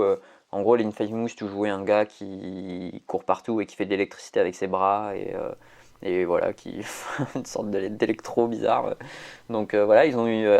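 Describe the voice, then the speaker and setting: A man's voice: lowish voice, vocal fry, darkish tone. A man chatting casually on a podcast, rambling with many fillers and restarts. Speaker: podcast host.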